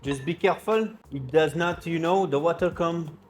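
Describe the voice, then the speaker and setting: A man in his thirties with a French-style foreign accent talks through a recipe like a playful chef. His voice sits a little high for a man. He is casual and jokey, and music plays behind him. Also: moderate pace. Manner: playful, joking, with French interjections. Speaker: cooking show host. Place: indoor kitchen with steel fridges.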